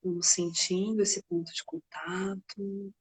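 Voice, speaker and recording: Slow, breathy Brazilian woman guiding meditation. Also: mid-range voice, steady tone. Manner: gentle, unhurried, with long pauses. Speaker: meditation guide. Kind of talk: guided meditation.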